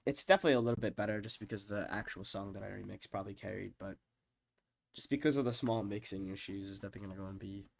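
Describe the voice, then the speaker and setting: A young music producer, sick and congested with a stuffed-up, nasal voice, rambles casually over a screen share while ranking his own tracks. His lowish voice races along with vocal fry, peppered with profanity and fillers, often trailing off quietly.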